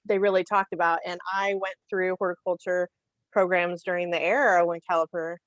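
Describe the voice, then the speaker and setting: A woman's voice: lowish voice, steady tone, brisk, fairly bright tone, dry recording, low-quality recording. A woman moderating a video call panel, chatty and good-humored.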